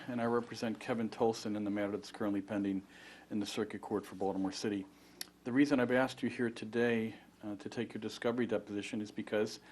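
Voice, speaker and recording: A man's voice: mid-range voice, darkish tone. A man questioning as an attorney in a formal deposition, polite, methodical and procedural. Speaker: plaintiff's attorney questioning a witness. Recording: faint room noise.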